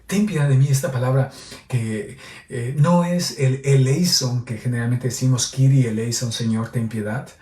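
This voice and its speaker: A man's voice: medium pitch, steady tone, unhurried, mellow. A priest giving a homily on a Gospel reading in a teacherly way, often checking in with his listeners. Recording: echoey, voice heard from a distance.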